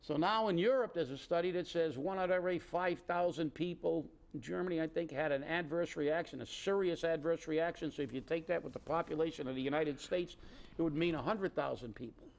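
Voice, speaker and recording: Gravelly and on the high side, this man talks fairly quickly as co-host of a local political talk show. He rants indignantly and sarcastically in an opinionated, casual political chat, rambling and starting sentences over.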